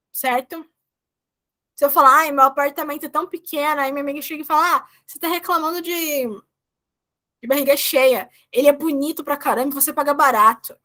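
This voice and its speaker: A woman's voice: high voice, sharp tone. A young woman with a Brazilian Portuguese accent, teaching a Spanish class online and often checking in with her students. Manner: explains patiently, checks in with "tá?" and "né?". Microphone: video call.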